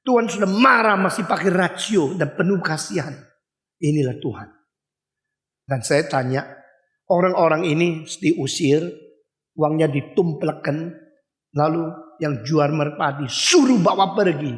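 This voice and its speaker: High-voiced older preacher in a hall. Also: male voice, a little slow, long pauses. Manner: animated, acts out voices and dog barks, asks the audience questions. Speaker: pastor. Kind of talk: sermon. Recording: long hall reverb.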